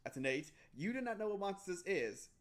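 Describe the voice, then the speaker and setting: Halting young man running a tabletop game. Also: high-pitched, sing-song, background noise. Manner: halting, many restarts and fillers. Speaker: game master.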